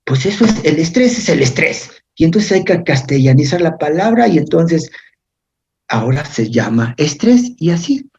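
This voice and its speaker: A man's voice: fairly high pitch, sing-song, normal speed, creaky, darkish tone, husky. A man giving a university physiology lecture, explaining step by step and often checking in with his students. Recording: dull lo-fi lecture recording.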